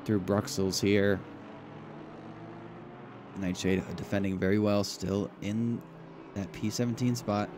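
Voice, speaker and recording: A man's voice: on the low side, flat delivery, measured pace, pauses often. A man doing casual live play-by-play as a motorsport commentator on sim racing. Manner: casual, bantering. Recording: clear engine noise behind voice. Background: car engine and race ambience.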